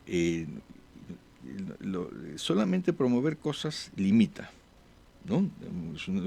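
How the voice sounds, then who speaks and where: A man speaking as a diplomat guest in an interview, with halting answers full of "eh" pauses and restarts. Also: low-pitched, vocal fry, darkish tone. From born abroad.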